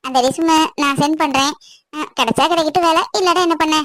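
A woman's voice: high voice, fairly even intonation, fast, fairly bright tone, a little hiss or hum. A woman voicing a worried young woman in a cartoon, chatting frankly on the phone about money and work. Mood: fretting. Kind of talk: cartoon voice acting.

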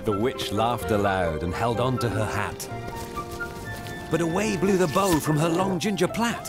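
A man narrating a rhyming storybook film in an expressive, lilting way. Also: mid-range voice, normal speed. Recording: film soundtrack with loud music.

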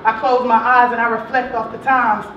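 A woman performing spoken word poetry on stage, rhythmic and rising to shouts. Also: fairly high pitch, little pitch movement, moderate pace, muffled recording, a little hiss or hum. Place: large hall. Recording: echoey hall from far off.

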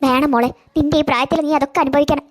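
A tearful, self-sacrificing cartoon grandmother as a woman puts her on. She coaxes gently in a high voice at a quick pace. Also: fairly even intonation, close to an everyday voice. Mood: sad. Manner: gentle, coaxing. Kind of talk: cartoon voice acting.

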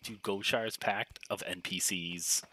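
A man's voice: low voice, fairly even intonation, slow pace, bright, forceful tone. A man in casual gameplay chat, talking like a hyped gamer bro with lots of slang and swearing. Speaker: co-player.

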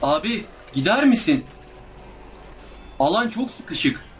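A young man talks his way through a tough game, groaning, complaining and pleading with the enemies. His voice sits a little high for a man. A faint hiss of noise runs under the recording. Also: big pitch swings, takes it slowly. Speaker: gameplay streamer. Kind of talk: live gameplay commentary.

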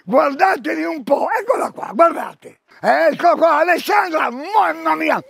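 An older man presenting products on a TV shopping show, talking loudly and exclaiming to viewers as he pitches items from the shop floor. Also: expressive, measured pace, creaky, no room sound. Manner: loud, exclamatory, keeps calling out to viewers. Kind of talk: live store sales pitch.

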